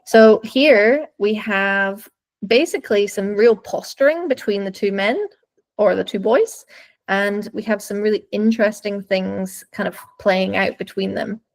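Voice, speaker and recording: A woman's voice: mid-range voice, unhurried. A woman dog trainer giving webinar commentary over videos, explaining thoughtfully and searching for words as she goes.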